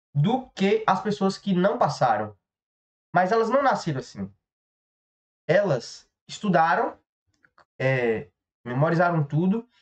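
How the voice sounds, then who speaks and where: A man with a Brazilian Portuguese accent hosting a podcast, talking through a rambling, profane comedic monologue that keeps interrupting itself. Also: a little high. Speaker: podcast host. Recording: slightly dull lo-fi sound.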